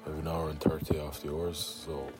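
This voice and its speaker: A man recording an audio diary on a small ocean rowing boat, exhausted from lack of sleep and talking in a halting, rambling way with the odd swear word. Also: a bass voice, completely flat delivery, loud music behind the voice. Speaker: podcast host on a rowing expedition.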